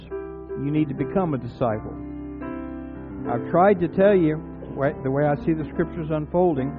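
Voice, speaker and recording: Earnest pastor preaching in a reverberant church. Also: male voice, on the high side. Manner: earnest, shifts from quiet reflection to raised exhortation. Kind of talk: sermon. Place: church sanctuary. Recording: dull, reverberant hall recording with faint music.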